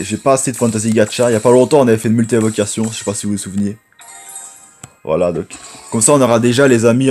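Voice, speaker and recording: A man with a low voice giving rambling, chatty gameplay commentary and talking to viewers as friends. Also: darkish tone. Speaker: gaming YouTuber.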